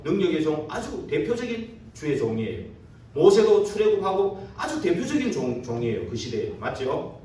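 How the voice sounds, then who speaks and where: Lively preaching man in an echoey church. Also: fairly high pitch. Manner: keeps checking agreement with the congregation through tag questions; poses rhetorical questions to the listeners. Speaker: pastor. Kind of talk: sermon. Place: church sanctuary during a service. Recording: very echoey church hall from far off.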